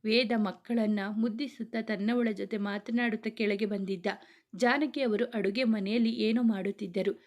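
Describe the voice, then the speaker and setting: A woman's voice: mid-range voice, steady tone, normal speed. A woman narrating a romantic family story, reading every character's lines in her own plain voice. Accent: Kannada. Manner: reads all dialogue in her own plain voice.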